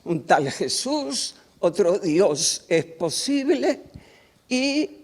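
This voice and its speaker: Older woman from Cuba, guest author, husky voice, dry unhurried storytelling at a workshop talk. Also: mid-range voice, sing-song, a little mellow. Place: university auditorium.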